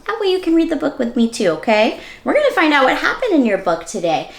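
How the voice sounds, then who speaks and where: Her voice high, fast and gravelly, a story-time host reads aloud to young children with lots of animation. She feigns exaggerated surprise and keeps turning to the kids with direct questions.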